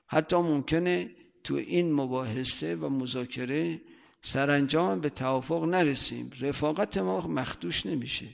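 Male seminary cleric, heavy vocal fry, conversational lecture with loud bursts of emphasis, reverberant hall. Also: a little high. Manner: conversational, often checks listeners' understanding; rises sharply in loudness for emphasis. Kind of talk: religious lecture.

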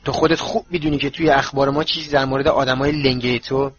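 A man's voice: mid-range voice, steady tone, fairly bright tone, natural voice. Stout bullying uncle, voice quivering with rage, a male reader puts him on. Storybook reading, dull lo-fi audio. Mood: angry. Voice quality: voice shaking with anger. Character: furious bullying middle-aged uncle, stout, red-faced.

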